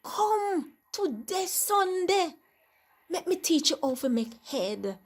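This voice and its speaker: A woman's voice: very high voice, sing-song, slow pace, voice pushed up, heavily acted. A Jamaican-accented woman voicing a patient crab father in a storybook tale, coaxing his child. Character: patient old crab father, a head maker. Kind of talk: storybook character voice.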